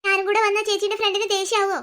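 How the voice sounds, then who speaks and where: A woman's voice: extremely high pitch, completely flat delivery, very fast, a bit bright. A woman voicing a chirpy younger sister in a cartoon, asking worried questions. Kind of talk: cartoon voice acting.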